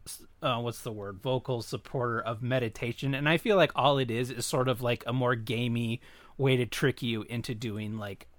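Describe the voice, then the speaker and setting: A man's voice: medium pitch, steady tone, moderate pace, a bit bright, no room sound. A man in casual chat, joking and teasing, often breaking into laughter.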